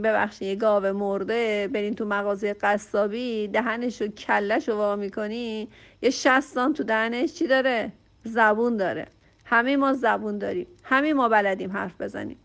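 A woman's voice: medium pitch, fairly even intonation. A woman counselor answering a listener's question with emphatic, direct advice to a group, repeating her points and speaking straight to the listener.

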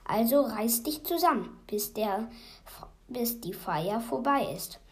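A woman voicing Max, a nervous, hurried male organizer who hushes and scolds in agitation. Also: a little high, expressive, pitched above the performer's own voice. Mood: agitated. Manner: agitated, hushing.

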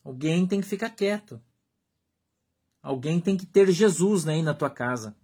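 Husky high-voiced Brazilian preacher. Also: male voice, lively intonation, a little slow. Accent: Brazilian Portuguese. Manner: emphatic preaching, repeating short phrases, drops to a hush. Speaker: pastor. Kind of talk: sermon.

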